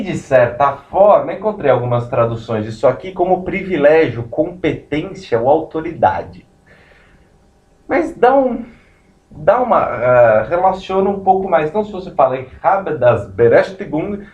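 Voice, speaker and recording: A man's voice: high-pitched, darkish tone. Man, law lecturer, digressive explaining, far from mic, dull lo-fi sound. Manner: explanatory, digressive, writes on board while talking. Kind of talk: recorded classroom lecture. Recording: roomy, distant, muffled lecture recording.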